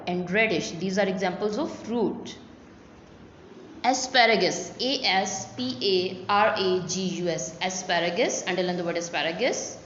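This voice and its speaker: A woman teacher talks very slowly to young children and spells each word out letter by letter. Her voice rings in a small room with a long echo. The recording sounds dull and carries a faint hum. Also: mid-range voice. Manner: slow, spelling words letter by letter.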